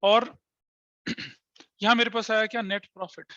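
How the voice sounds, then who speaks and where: During a classroom lecture, a man explains the material step by step, frequently asking his students checking questions and mixing in English terms. His voice sits high and bright with a forceful tone, unhurried and fairly flat in pitch, recorded without echo but with dull audio.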